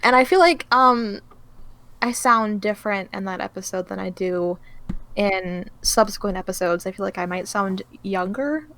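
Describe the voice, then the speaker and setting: A woman's voice: medium pitch, moderate pace, fairly bright tone, slight background noise. A woman answering as an interviewed voice actor, chatting casually in a hesitant, thoughtful way and often correcting herself.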